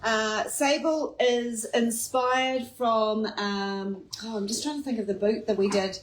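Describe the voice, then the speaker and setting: A woman's voice: on the high side, fairly even intonation, a little slow. Chatty woman presenting shoes. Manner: chatty, enthusiastic, many fillers. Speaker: fashion presenter. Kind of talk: live shoe showcase chat. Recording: echoey room.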